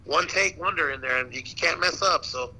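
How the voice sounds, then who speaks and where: A man's voice: a little high, moderate pace, bright, forceful tone, low-quality recording. A man who works as a boxing ring announcer, talking casually and emphatically as an interview guest, with slangy asides.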